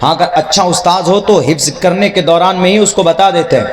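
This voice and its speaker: A man with an Indian Urdu accent giving a religious sermon, telling a story and spelling out letters slowly to teach. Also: sits high. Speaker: preacher. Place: large hall at a gathering. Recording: echoey, from far off.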